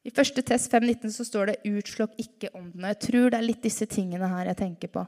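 A woman preaching a lively sermon to her congregation, full of rhetorical questions. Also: medium pitch. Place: church hall. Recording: reverberant church hall.

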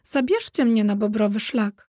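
A woman voicing an excitable, timid ghost lady of a castle, talking high and fluttery. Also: measured pace, no echo, studio quality. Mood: wistful. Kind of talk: children's audiobook character voice.

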